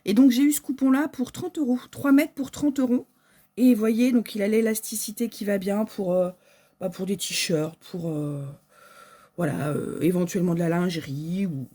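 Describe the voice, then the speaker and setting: A woman's voice: medium pitch, fairly even intonation, normal speed, mellow. A French woman chatting casually through an unboxing, hesitant and full of fillers, with packaging crinkling behind her. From France. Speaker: sewing shop owner.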